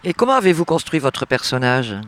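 A man's voice: fairly high pitch, very animated, a little fast, a bit bright. A man hosting a radio interview who asks polite questions, with some fillers.

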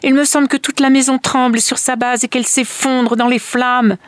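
A woman reading a storybook and voicing an anguished, terrified mother with high, loud, breathless cries. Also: little pitch movement, moderate pace, no echo. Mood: frantic.

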